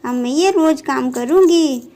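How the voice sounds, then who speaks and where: A stubborn, playful little girl , acted by a woman, pleads and chatters eagerly in a doll storybook. Her voice is high and pushed up in pitch, with a slow, careful delivery. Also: dark tone.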